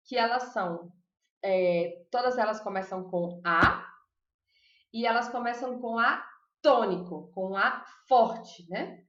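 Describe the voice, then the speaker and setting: A woman teacher with a bright, fairly high voice that has a forceful edge. She talks to her class in a chatty way, asks them questions, and drills word lists slowly. The sound is echoey and a little dull, like a lo-fi recording. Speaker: Spanish teacher. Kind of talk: online class lesson.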